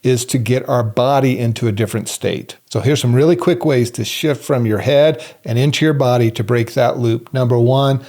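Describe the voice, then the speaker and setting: A man giving earnest self-help advice, coaching the listener and shifting between quick runs and slow emphatic phrases. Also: medium pitch, dark tone. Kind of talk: explanatory talk to camera.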